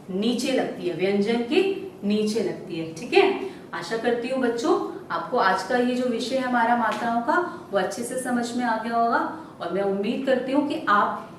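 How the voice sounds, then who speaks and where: Woman primary teacher, slow coaxing delivery, slightly high voice, echoey room, mic a few feet off. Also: distant mic, a little hiss or hum. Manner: slow, drawn-out syllables, coaxing questions answered herself. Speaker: primary school Hindi teacher. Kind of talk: recorded online lesson for young children.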